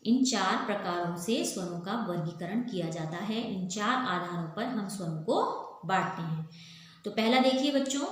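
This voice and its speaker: A woman's voice: mid-range voice, fairly bright tone. Brief: young woman grammar teacher, patient and repetitive, asks then answers her own questions, recorded in a very echoey room with faint hiss. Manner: draws out vowel sounds as spoken examples. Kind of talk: recorded classroom lesson.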